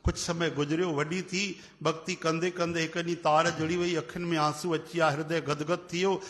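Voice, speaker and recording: A man's voice: fairly high pitch, a little fast. Man preaching in a reverberant hall. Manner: animated, acts out quoted voices, calls out chants. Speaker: religious storyteller. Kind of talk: devotional sermon storytelling.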